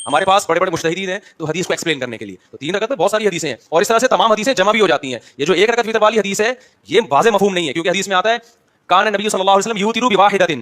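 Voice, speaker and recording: A high-voiced man answers questions as a religious scholar. He explains each point step by step and turns to his listeners with rhetorical questions. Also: animated, fairly bright tone. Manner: brief acknowledgements between questions.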